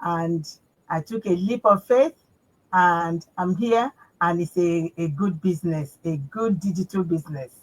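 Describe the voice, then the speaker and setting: A woman from Nigeria introducing herself as a guest on a video call, slow and repeating herself. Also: on the low side, poor audio. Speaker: panel guest. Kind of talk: casual live chat.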